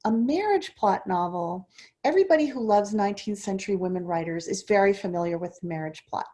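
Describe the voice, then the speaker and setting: Woman host at a book club, mid-pitch voice, walks through her points one by one. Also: expressive, fairly quick, dark tone. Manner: explanatory, lays out points step by step. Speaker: English professor hosting a book club. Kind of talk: informal lecture at a book club.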